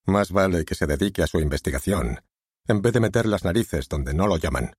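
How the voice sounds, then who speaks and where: A brusque, dismissive mayor who snaps dryly in an audiobook. A man reads him with a low, husky voice. The sound is dry and close. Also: expressive, a little fast, darkish tone, dry recording. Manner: curt, dry.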